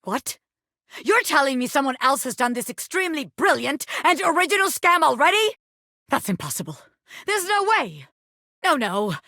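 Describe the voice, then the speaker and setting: A woman's voice: high-pitched, very animated, normal speed, sharp tone, no room sound, studio quality, exaggerated voice. A woman voicing a brash, flirty bobby pin gangster in a video game, a scheming criminal mastermind with cocky, street-tough wiseguy talk. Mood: indignant, exasperated. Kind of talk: animated video game character acting.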